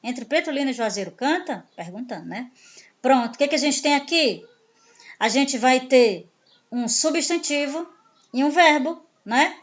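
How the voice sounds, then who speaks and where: A woman's voice: high-pitched, expressive, a little slow. Brazilian woman teaching grammar, lo-fi. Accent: Brazilian Portuguese. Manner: explanatory, asks and answers her own questions. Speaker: Portuguese teacher. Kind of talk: online grammar lesson.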